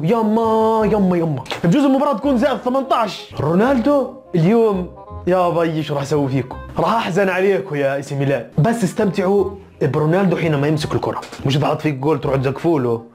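A man doing casual football chat as a YouTuber, teasing and mock-scolding in an animated way. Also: high voice. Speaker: football YouTuber reacting to results.

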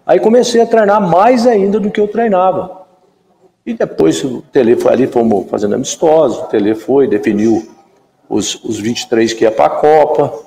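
A man from Brazil in his fifties, a former footballer and guest in a live chat, telling a story in an animated way and acting out the dialogue. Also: on the high side, moderate pace, gravelly, a little hiss or hum. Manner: animated storyteller who acts out quoted dialogue. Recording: echoey room with long reverb.

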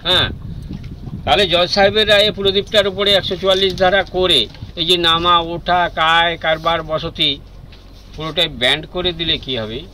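Out on the open deck of a boat at sea, a man gives guided tour commentary, counting off his points one at a time like a lecture. His high voice is bright, forceful and brisk with fairly even intonation. Wind and boat noise fill the low-quality outdoor recording.

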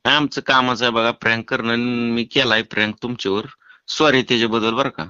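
A man's voice: mid-range voice, steady tone, fairly quick, bright, forceful tone, clear, resonant tone. A man making a prank phone call, urgent and insistent at first, then apologetic and teasing. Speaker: prank caller.

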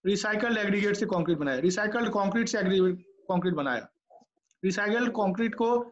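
Man, middle-aged, classroom lecture, direct and coaching, acts out answers, high-pitched, dull lo-fi sound. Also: lively intonation, a little fast. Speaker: lecturer giving interview tips. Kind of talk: classroom lecture in Hindi mixed with English. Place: classroom with students.

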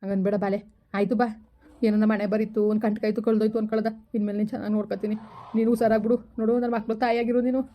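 Woman playing a gently coaxing village husband. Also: medium pitch, level tone, very fast, dull audio, a little hiss or hum, close to an everyday voice. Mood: consoling. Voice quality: coaxing, reassuring. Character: forgiving village husband, steady and soothing. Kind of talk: village family drama acting.

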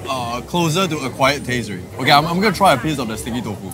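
A man's voice: mid-range voice, lively intonation, very fast, over music. A man hosting a food vlog, chatting eagerly as he tastes dishes at an outdoor night market. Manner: enthusiastic, chatty while eating. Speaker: food vlogger host. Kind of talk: casual food vlog chat.

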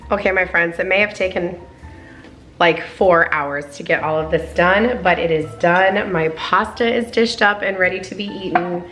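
Woman, 30s, home kitchen, cooking vlog chatter, gushing, lowish voice. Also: normal speed, a bit bright, faint music behind. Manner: gushing and chatty, often saying "like" and "oh my goodness". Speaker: cooking vlogger. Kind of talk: casual cook-along narration.

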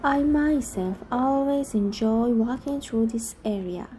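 Soft-toned woman narrating a walking tour. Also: on the high side, slow pace, a little hiss or hum, low-quality recording. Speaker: walking tour vlog host. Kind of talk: scripted travel narration.

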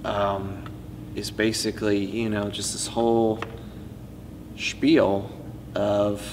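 Teen male, rambling casual storyteller, low-pitched, recorded in a reverberant hall. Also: flat delivery, slow. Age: late teens. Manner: rambling, heavy use of "like" and "you know". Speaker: student stage tech interviewee. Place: empty school auditorium. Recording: reverberant auditorium, faint hum.

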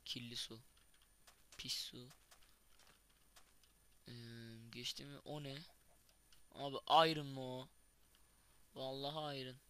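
A young man giving casual, excitable commentary while playing a block-building game, thinking aloud and exclaiming at each thing he finds. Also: mid-range voice. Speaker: gaming YouTuber. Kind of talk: casual Minecraft let's play commentary.

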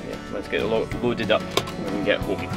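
An upbeat man in his thirties talks straight to camera from a cramped camper van, his voice on the lower side. He is filming himself at arm's length. Clear background music runs under his voice. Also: fairly even intonation, a little fast. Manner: upbeat, chatty, addressing viewers. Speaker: vlogger. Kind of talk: casual vlog chat. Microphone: handheld camera at arm's length.

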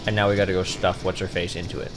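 A man co-hosting a casual let's play at a desk microphone, joking around with playful loud outbursts. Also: deep voice, level tone, very fast, music in the background. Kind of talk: casual gameplay commentary.

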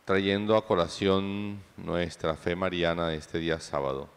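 Deep-voiced priest with cathedral echo. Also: male voice, steady tone, clean tone. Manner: slow, measured proclamation. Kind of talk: liturgical reading and homily. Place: large church. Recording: long church reverb.

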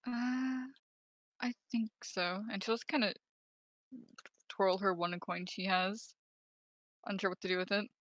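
Female player, soft, tentative, dry sound. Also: medium pitch, steady tone, unhurried, long pauses, no room sound. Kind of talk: tabletop game play.

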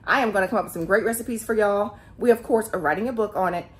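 A woman's voice: mid-range voice, fast. Chatty woman filming her grocery haul. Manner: chatty, animated, talks straight to viewers. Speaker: family vlogger. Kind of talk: casual grocery haul vlog. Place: home kitchen, indoors. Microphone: phone camera held close.

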